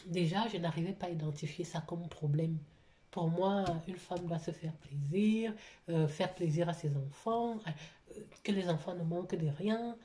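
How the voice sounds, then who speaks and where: Woman vlogger with a foreign accent; low, dark, mellow voice; hesitant and full of restarts. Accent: foreign accent in French. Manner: halting, many restarts and fillers. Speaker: vlogger, single mother. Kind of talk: personal confessional talk.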